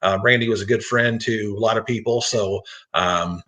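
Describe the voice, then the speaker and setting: A man's voice: lowish voice, steady tone, normal speed, bright, forceful tone, a little hiss or hum. An American man, a tractor pull announcer, hosting a casual talk show in conversation. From East Central Illinois, United States.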